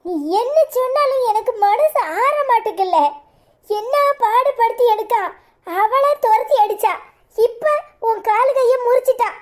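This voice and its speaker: A woman voicing a bitter, grieving old mother-in-law in a cartoon, scolding in a Tirunelveli Tamil accent. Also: a little slow. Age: older. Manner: shrill, scolding, wailing complaints. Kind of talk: cartoon voice acting.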